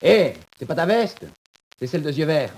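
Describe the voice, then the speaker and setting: An actor playing a jealous but loyal young prisoner in a 1940s radio drama, taunting and earnest by turns. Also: male voice, fairly high pitch, sing-song, normal speed, a little mellow, husky, full character voice.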